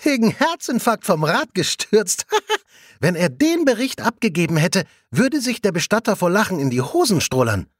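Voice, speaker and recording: A gossipy, cheerful policewoman, as a male reader puts her on, pitched well up with a husky, animated lilt. She rattles along in a chatty, giggly way, read like a storybook. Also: moderate pace, no room sound, clean studio sound. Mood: amused.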